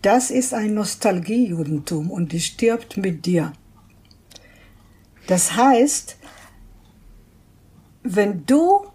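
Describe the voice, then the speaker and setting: Earnest older woman, husky, mellow. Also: mid-range voice. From Israel. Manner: earnest, searching for words with restarts. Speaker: interview guest, prayer leader. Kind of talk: thoughtful interview answers.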